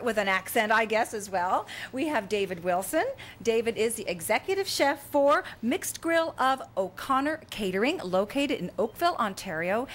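A woman's voice: a little high, fairly bright tone, a little hiss or hum. A Canadian woman co-hosting a talk show, bubbly and laughing often. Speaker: co-host.

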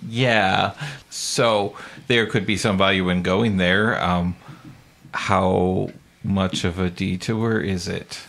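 A man's voice: low-pitched, fairly even intonation, slow pace, creaky, a bit bright. A man chatting casually as a player in a tabletop role-playing game.

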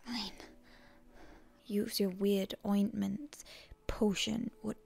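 A woman performs a hushed, breathy ASMR roleplay as a prickly, proud hero girl, wounded, suspicious, and defiant toward her foe. Her mid-range voice is steady and exaggerated, drawing out words, and the mood is prickly and stubborn.

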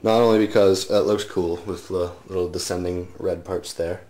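A man's voice: deep voice, steady tone, normal speed, a little mellow. A teenage boy casually explaining, step by step, how he and a friend are building a chair in a home workshop, recorded on the camera mic. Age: teens. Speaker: student builder. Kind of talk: casual project narration.

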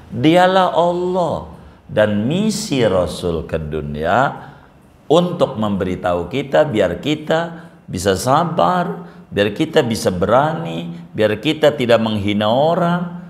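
A middle-aged man preaching a sermon, firing rhetorical questions and joking asides. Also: lowish voice. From Banten, Indonesia. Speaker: Islamic preacher. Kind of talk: sermon to a congregation.

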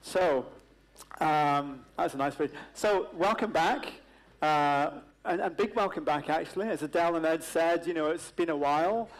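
A man's voice: fairly high pitch, normal speed, poor audio. A man in his fifties moderating a live panel on a conference stage, chatty, with many fillers and joking asides. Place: large stage at a conference hall.

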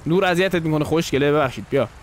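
A young man gives casual commentary as he plays a video game. His voice is fairly high and his delivery is playful and teasing. Faint noise sits behind him. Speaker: gaming channel host.

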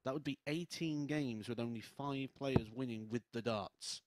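A man's voice: medium pitch, normal speed, darkish tone, no echo. A man co-commentating on darts in a conversational sports commentary style.

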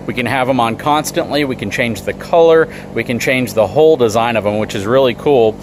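A man's voice: mid-range voice, fairly quick. A man hosting a vlog, upbeat and explaining a trailer project to viewers in a large RV service shop. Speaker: channel host. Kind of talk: casual vlog walkthrough. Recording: noisy shop background.

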